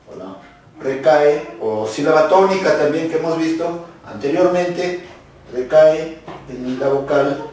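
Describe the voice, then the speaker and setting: Slow, deliberate male teacher in echoey room. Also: a little high, a little mellow, a little hiss or hum. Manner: slow, deliberate, repeats words for dictation. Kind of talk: classroom grammar lesson. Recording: very echoey, distant mic.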